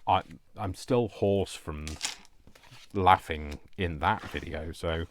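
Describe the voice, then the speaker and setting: Hosting a craft video, a deep-voiced man chats casually and slowly, playful and self-deprecating as he rambles off into asides.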